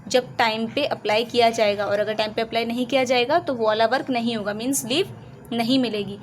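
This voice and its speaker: A woman with an Indian accent teaching English grammar, explaining in Hindi, reading English examples slowly and deliberately and answering her own questions. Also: a little high, slight background noise, low-quality recording.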